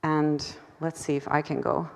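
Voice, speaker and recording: A woman's voice: deep voice, flat delivery, moderate pace, creaky. A woman artist presenting her work at a conference talk, hesitant, with many fillers and restarts and self-deprecating laughter. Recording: long hall reverb.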